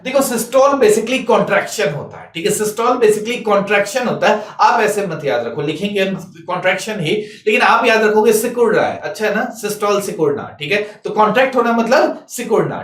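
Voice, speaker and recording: High-voiced teacher in an echoey room. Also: male voice, lively intonation. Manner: repeats "ठीक है" constantly, asks and answers own questions; mixes English terms into Hindi, spells words out slowly. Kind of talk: exam-prep science lecture. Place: classroom or small studio, writing on a board. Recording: echoey room, mic some distance off.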